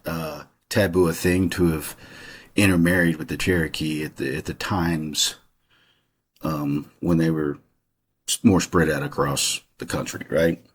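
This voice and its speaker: A man's voice: low-pitched, husky. A middle-aged man talking casually about his family history in a rambling way, with lots of fillers and restarts. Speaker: channel host. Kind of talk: casual personal monologue.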